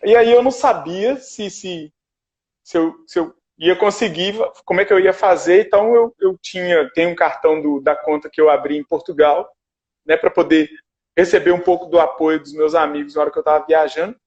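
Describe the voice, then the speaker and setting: A man with a rather high voice telling a travel story in a relaxed, animated way, acting out the people he met. The sound is muffled and lo-fi, like a video call. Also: fairly quick. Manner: animated storyteller, acts out dialogue. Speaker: guest. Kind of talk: casual storytelling. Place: his shared house.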